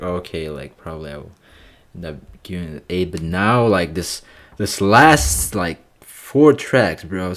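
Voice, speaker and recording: A young man hosting a casual music reaction review, excitable and slangy, full of fillers. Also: sits low.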